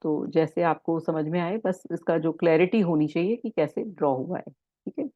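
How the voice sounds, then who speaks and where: A woman instructor teaching a spiritual symbol course, explaining in Hindi mixed with English and reading English passages slowly. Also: deep voice, dry recording, narrow, tinny audio.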